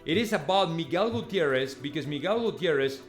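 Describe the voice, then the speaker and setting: A football vlogger and fan channel host talks casually to his viewers, giving news commentary in a conversational, emphatic style full of repeated phrases and checking tags at the end of his thoughts. His voice is a little high and a little fast, with lively intonation, over light music.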